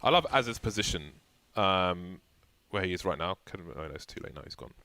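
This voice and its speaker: Bright-voiced male esports caster. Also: low voice, expressive, a little fast. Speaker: esports commentator. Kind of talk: live play-by-play commentary. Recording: light background noise with game gunfire.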